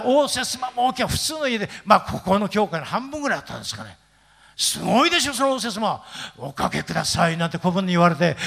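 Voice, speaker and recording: A man's voice: very high voice, bright, forceful tone. An older man preaching a sermon as a pastor in a church, telling stories, acting out quoted voices and laughing often. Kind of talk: sermon with storytelling.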